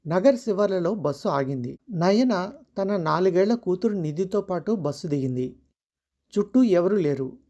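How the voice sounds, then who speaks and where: A storyteller reading a scripted story in a steady, measured way. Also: medium pitch, muffled recording.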